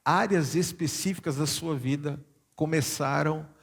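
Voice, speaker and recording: A man's voice: fairly high pitch, unhurried, gravelly, slight background noise. A Brazilian man from São Paulo, a bishop preaching a sermon in church, reading scripture aloud and stopping to explain it and put questions to the congregation. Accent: Brazilian Portuguese, São Paulo.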